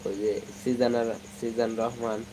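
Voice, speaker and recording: A young man from Bangladesh, talking softly because he has a cold, chatting with viewers on a live stream and reading their comments aloud. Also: mid-range voice, level tone, unhurried, background noise. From Sirajganj, Bangladesh. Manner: chatty, reads comments aloud, hums song snatches. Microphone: phone, no external microphone.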